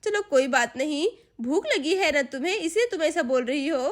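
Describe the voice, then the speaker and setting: A woman doing a gentle village mother. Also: sits high, animated, moderate pace.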